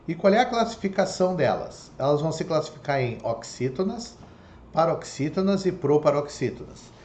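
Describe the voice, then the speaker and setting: A man's voice: a little high, a little mellow. A man teaching a Portuguese lesson online, explaining step by step and often checking in with "tá?" and "ok?". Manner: explanatory, repeats "tá?" and "ok?" to check understanding. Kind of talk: online lecture. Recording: echoey room, faint background noise.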